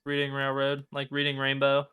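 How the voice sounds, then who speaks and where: A man's voice: medium pitch, monotone, moderate pace, smooth, dry recording, narrow, tinny audio. A young man co-hosting a podcast, laid-back, giving short replies and quips. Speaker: podcast co-host. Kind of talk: casual chat.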